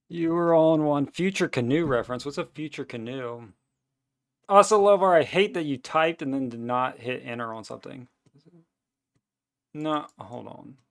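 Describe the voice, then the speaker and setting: A man's voice: mid-range voice, vocal fry. A man hosting a livestream in casual chat, laughing often and teasing bluntly. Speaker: livestream host.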